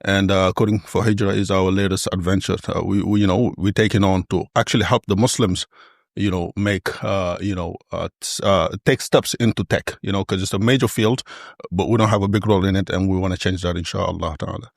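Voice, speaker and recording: A man's voice: low-pitched, fairly even intonation, fairly quick, vocal fry, no echo, clean studio sound. A man from Senegal, a tech founder guest who talks hesitantly with many fillers.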